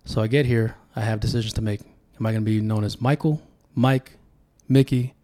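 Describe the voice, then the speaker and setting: A man speaks fairly quickly in a fairly low, dark voice with fairly even intonation. He is a political candidate from Sacramento, California, originally a Tongan speaker, reflecting and telling stories as a guest in a casual podcast chat.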